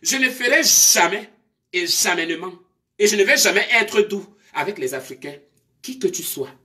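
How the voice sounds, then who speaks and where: A woman's voice: medium pitch, very animated, normal speed, pushed and bright. A woman, scolding her commenters during a live stream with confrontational rhetorical questions.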